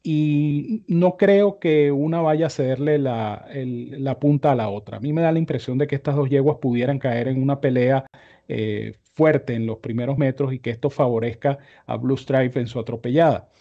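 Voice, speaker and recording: A man analyzing horse races on a video call, with a measured explanatory delivery. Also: medium pitch, muffled recording. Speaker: racing analyst. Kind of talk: horse racing analysis show.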